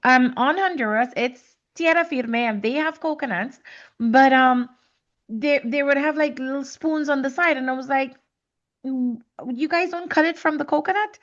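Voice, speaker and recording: A Trinidadian woman hosts a podcast, talking in a reflective, conversational way and often repeating words while she hunts for the right phrasing. Her voice is high and a little bright, at normal speed, and the recording's highs are cut off.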